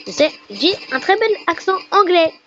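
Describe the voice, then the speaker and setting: A woman giving casual, chatty and playful commentary while playing a game, with sudden excited squeals. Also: extremely high pitch, normal speed, soft background music. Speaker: gamer. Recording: dull lo-fi recording with faint noise.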